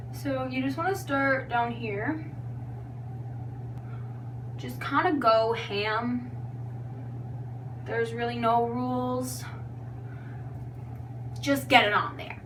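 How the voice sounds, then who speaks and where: A woman's voice: on the high side, fairly bright tone. A young woman giving a casual, chatty tutorial in a loose, tipsy, giggly and self-deprecating manner. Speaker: makeup tutorial vlogger. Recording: distant mic with background noise and hum.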